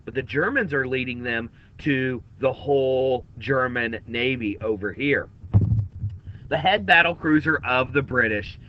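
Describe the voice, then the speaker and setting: A man's voice: mid-range voice, measured pace, slight background noise. Male teacher, chatty classroom lecture, slightly muffled recording. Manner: conversational, addresses students directly. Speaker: history teacher.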